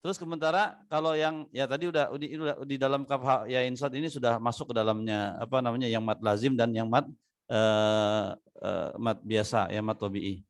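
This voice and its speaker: A man teaching tajwid in a relaxed, conversational way. He fills his talk with "ya", quizzes his students and drawls out the letters he is teaching. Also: medium pitch, moderate pace. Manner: explains step by step, asks students questions, many "ya" fillers. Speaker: Quran recitation teacher. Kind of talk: casual tajwid lesson with chanted examples. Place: online class or recorded study session.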